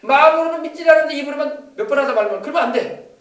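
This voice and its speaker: A man pastor delivers a rapid sermon in a high voice, emphatic and exhorting, now and then dropping to quieter asides. He sounds set back from the mic, and the church hall around him rings with echo. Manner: emphatic, exhorting, switching between loud commands and soft asides. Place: church sanctuary. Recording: echoey church hall from far off.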